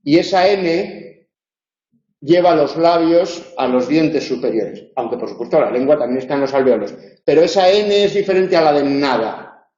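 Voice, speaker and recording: Man, university lecturer, explanatory, slightly high voice, echoey lo-fi recording. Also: animated, a little mellow. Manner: explanatory, demonstrates sounds slowly. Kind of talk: online tutoring lecture. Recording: roomy, dull lo-fi sound.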